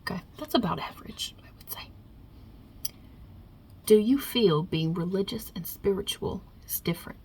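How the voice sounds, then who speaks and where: In an ASMR roleplay, a woman plays a non-binary Italian mob boss God, putting on a New York Italian-American accent and staying wry and casual with muttered asides. Her mid-range, slightly mellow voice has lively intonation, normal speed and long pauses, lightly acted with a dry, teasing mood.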